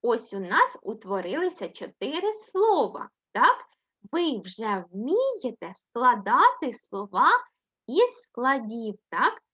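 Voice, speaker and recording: A Ukrainian woman teaching young children to read in a remote lesson, sounding out syllables slowly and checking in with "right?", praising her pupils fondly. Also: fairly high pitch, very animated, sharp tone, slightly rough, highs cut off. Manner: slow, sing-song syllable-by-syllable reading with frequent "так?" checks. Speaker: first-grade teacher.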